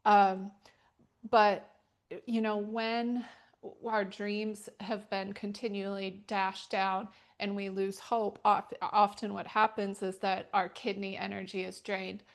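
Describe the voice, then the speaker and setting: A woman's voice: medium pitch, little pitch movement, slow pace. A middle-aged woman teaching a yoga class and telling stories, talking casually and rambling with many fillers. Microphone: wearing a microphone.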